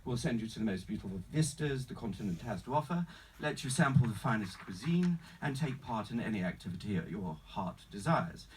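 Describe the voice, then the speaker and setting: A man acts out an unflappable travel agent at a screenplay table read. His pitch swings widely as he sells with formal, slightly sinister courtesy. The recording is distant, with noticeable noise in the room. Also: expressive, fairly quick, few pauses, lightly acted. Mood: polite, salesman-like. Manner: formal, courteous, salesman-like, calls the customer sir.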